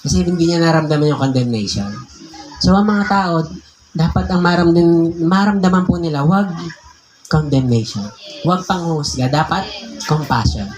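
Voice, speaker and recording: A man with a Filipino accent, a pastor telling a personal story in a conversational, animated sermon, often laughing. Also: fairly high pitch, moderate pace, long pauses, soft background music. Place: church hall.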